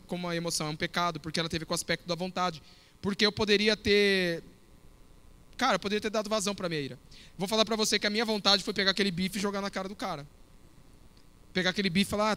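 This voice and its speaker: High, bright-voiced man preaching a sermon. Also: clean tone. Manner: storytelling, conversational, addresses audience directly. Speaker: youth pastor.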